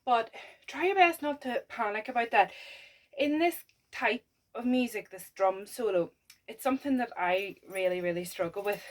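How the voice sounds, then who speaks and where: A woman with a fairly high voice leads a dance lesson, talking through each step in a chatty, encouraging way. She sounds a little out of breath, and her voice comes from a bit away from the mic. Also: moderate pace, distant mic, rough recording. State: slightly out of breath. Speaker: dance teacher.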